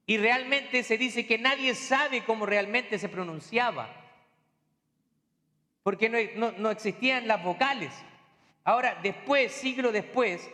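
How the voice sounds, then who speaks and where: A man's voice: sits high, unhurried, bright, forceful tone, big-room sound. A man preaching a sermon as pastor, explaining in a teaching tone with rhetorical questions and homely asides.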